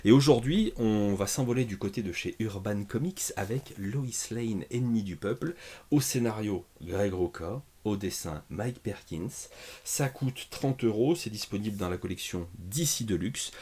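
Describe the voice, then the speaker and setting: A man hosts a laid-back comics review from his small home setup, full of asides, fillers and self-deprecating jokes. His voice sits on the low side with a husky grain. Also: expressive, normal speed, dark tone. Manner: jokey, self-mocking, lots of fillers and asides. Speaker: comics reviewer, channel host. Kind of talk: casual video review. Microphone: camera mic in small home studio.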